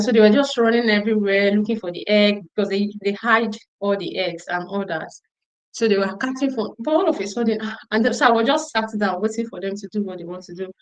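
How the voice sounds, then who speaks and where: A woman's voice: medium pitch, low-quality recording. A middle-aged woman speaking at a parenting conference, telling a story emphatically and repeating phrases for stress. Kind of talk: storytelling talk to an audience.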